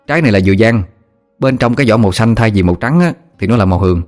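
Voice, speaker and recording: A man's voice: lowish voice, lively intonation, faint music behind, close to an everyday voice. A man with a Southern Vietnamese accent voicing an older village boy who teases and shows off. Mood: boastful. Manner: teasing, brash, quick-talking. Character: older village boy, teasing, brash, showing off.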